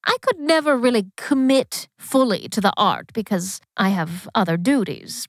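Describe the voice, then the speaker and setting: Grandiose birthday professor hosting a comedy podcast, really high voice, boastful, swoops all over. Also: female voice, no echo, studio quality. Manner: grandiose, theatrical, indignant. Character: self-important, boastful professor of birthdays, proud original clown. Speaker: podcast host. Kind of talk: comedy podcast character acting.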